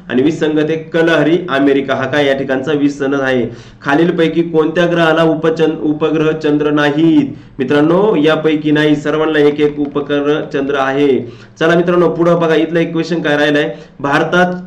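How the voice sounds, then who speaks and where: A man's voice: fairly high pitch, roomy sound. A man, teaching an exam coaching lecture, who works through questions and repeats them back to his students.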